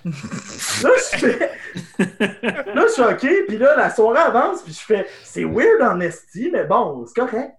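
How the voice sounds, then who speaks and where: High-voiced Québécois man telling a story. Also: slow, creaky, roomy sound, crowd noise. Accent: Québécois French. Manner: animated anecdote telling, dropping to hushed tones for the punchlines. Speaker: improv guest. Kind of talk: casual storytelling.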